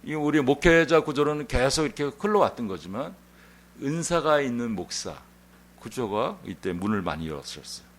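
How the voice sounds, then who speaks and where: A male pastor preaching a Sunday sermon in an animated, conversational storytelling manner. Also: mid-range voice, normal speed, slight background noise. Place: church sanctuary.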